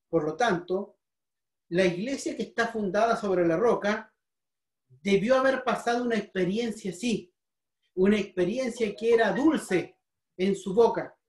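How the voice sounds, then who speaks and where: A woman's voice: medium pitch, a little mellow. A woman with a Chilean accent teaching a Bible lesson, asking the congregation questions and often repeating her words. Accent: Chilean Spanish. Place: church hall. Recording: roomy, from a distance.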